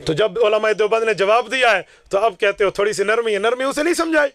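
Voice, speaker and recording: A man preaching with a high, ringing voice, forceful and declaiming as he acts out quarrels from his own stories. The sound is dry and close, with little room around it. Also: dry recording. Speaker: Islamic preacher. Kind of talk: fiery sermon to a gathering.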